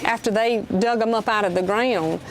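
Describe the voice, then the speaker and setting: A woman's voice: fairly high pitch, moderate pace, background noise. A woman who owns a shop, explaining her business in a plain, folksy way in an interview. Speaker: peanut shop owner. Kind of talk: interview answers.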